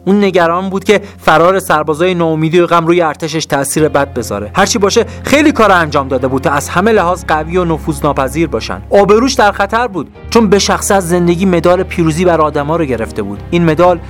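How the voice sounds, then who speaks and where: A man narrating a scripted motivational story in a dramatic, measured way. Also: a little high, animated. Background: faint background music.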